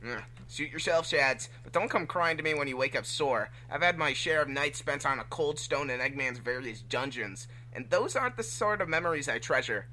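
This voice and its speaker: Teasing young cartoon hedgehog hero, voiced by a man, amateur fan fiction read, forceful bright mid-pitched voice. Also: expressive, moderate pace, hardly any pauses, slight background noise. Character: cocky, teasing, laid-back male blue hedgehog hero.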